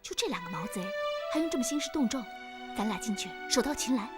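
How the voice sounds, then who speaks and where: An actress playing a spirited young woman, an official's niece, who talks in a lively, teasing, self-assured way. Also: fairly high pitch, fast, close to an everyday voice. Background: music score.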